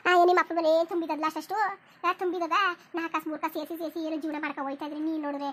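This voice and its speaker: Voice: extremely high pitch, flat delivery, racing, a bit bright. Performer doing a wailing old village mother. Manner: lamenting, repetitive scolding. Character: elderly village mother, wailing and scolding her son. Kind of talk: cartoon voice acting.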